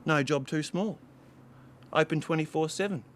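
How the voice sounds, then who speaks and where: A man's voice: on the high side, moderate pace, slight background noise, close to an everyday voice. An actor playing a brash, scheming male crook, rambling and swearing heavily in a radio drama.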